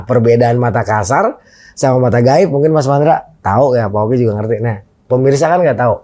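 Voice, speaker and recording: A middle-aged man, telling a personal anecdote as a guest in casual conversation and acting out the dialogue in it. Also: fairly high pitch. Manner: animated, re-enacts dialogue in his story. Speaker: guest storyteller.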